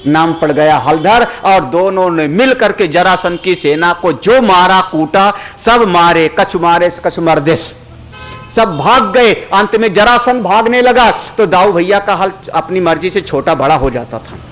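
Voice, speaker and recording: A man, a spiritual teacher, giving a religious discourse with animated storytelling. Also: sits high, unhurried. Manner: animated storytelling, rising loud for dramatic moments.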